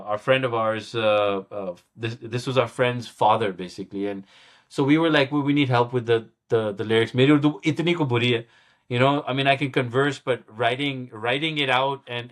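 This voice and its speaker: A middle-aged guest musician with an ordinary mid-pitched voice tells stories in a relaxed, casual interview. He speaks haltingly, restarting and repeating words while gathering his thoughts, and often laughs a little at himself.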